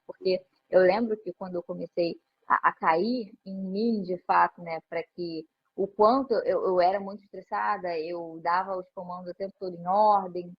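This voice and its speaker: A woman's voice: medium pitch, creaky, husky. A woman, a mother talking conversationally about parenting in a live stream, often adding "né?". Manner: conversational, frequent "né?" tag questions. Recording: muffled lo-fi stream audio.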